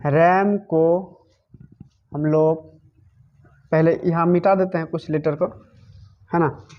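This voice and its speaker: A man's voice: on the high side, steady tone, slow. A male teacher giving a grammar lesson, asking his class questions and answering them himself, repeating the key words. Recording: dull lo-fi recording.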